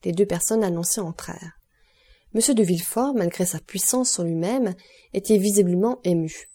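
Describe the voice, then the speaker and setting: A woman reading a classic novel aloud as an audiobook narrator, in clear, measured storytelling. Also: lowish voice, dark tone. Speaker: audiobook reader. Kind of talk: scripted narration.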